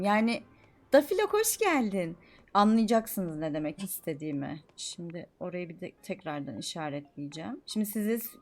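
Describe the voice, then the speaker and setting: A young woman streaming a life-sim game, chattering excitedly, scolding the characters and swinging from mutters to shouts. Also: medium pitch. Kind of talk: live gameplay commentary.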